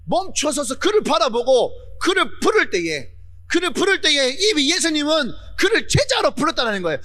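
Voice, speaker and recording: A male pastor preaching a sermon fervently, repeating phrases and building up to shouts. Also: very high voice.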